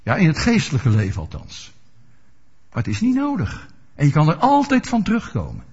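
A man's voice: on the high side, huge pitch swings, fairly quick, a little mellow, husky. A male preacher giving a sermon, asking his listeners rhetorical questions and explaining scripture with everyday examples. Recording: dull lo-fi recording.

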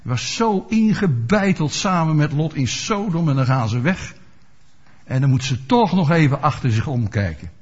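A man's voice: on the high side, expressive, normal speed, slightly rough. A male preacher giving a sermon, asking his listeners rhetorical questions and explaining scripture with everyday examples. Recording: dull lo-fi recording.

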